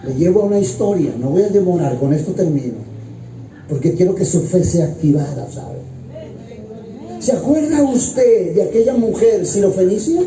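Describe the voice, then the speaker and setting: A man, an evangelist pastor, preaching an impassioned sermon that swings between loud high exclamations and low hushed phrases. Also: animated, moderate pace. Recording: roomy and distant with loud music. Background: loud music.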